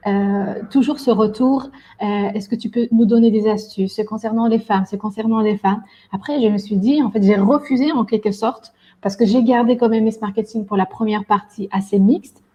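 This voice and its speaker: A woman's voice: mid-range voice, warm tone, poor audio. A woman, a guest on a podcast, talking at length with frequent hesitations and fillers. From Belgium. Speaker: guest, event organizer. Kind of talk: podcast interview.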